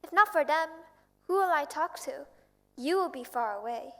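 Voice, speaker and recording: A woman's voice: high voice, lively intonation, normal speed, sharp tone, full character voice. A woman acting a proud, tender rose on a school auditorium stage, speaking wistfully. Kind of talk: stage play performance.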